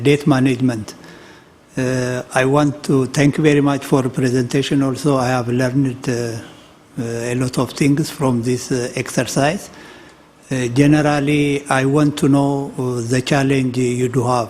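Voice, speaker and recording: A man's voice: mid-range voice, a little mellow, slight background noise. A man from Ethiopia, asking a question from the audience with many hesitant fillers.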